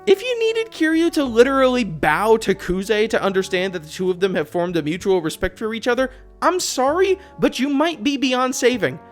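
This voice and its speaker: In a sing-song, medium-pitched voice at a moderate pace, a video essayist and channel host sarcastically tears into a video game. The commentary is exasperated, opinionated, and laced with swearing, over faint background music.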